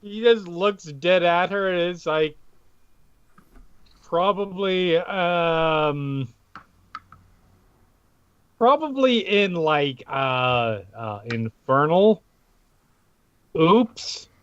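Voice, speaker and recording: A man's voice: high-pitched, animated, extremely slow, long pauses, smooth, lo-fi sound. A man playing a tabletop roleplaying game, chatting casually in a hesitant, wry way with some swearing.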